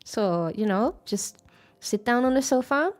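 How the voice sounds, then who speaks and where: A woman VTuber chatting casually on a live stream, playful and rambling, with sudden squeaky greetings. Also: expressive, a little slow. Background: faint background music.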